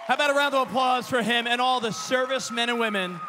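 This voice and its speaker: Upbeat high-voiced male show host. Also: fast talker, background noise. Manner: upbeat, showy. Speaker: pageant co-host. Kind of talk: live show hosting. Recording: reverberant arena with crowd.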